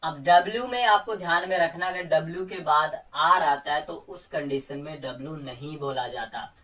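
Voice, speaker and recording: A man teaching English pronunciation in a coaching lesson, patiently saying example words slowly one by one. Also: on the high side, fairly bright tone. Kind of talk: explaining silent letters in a lesson. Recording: voice a little far from the mic.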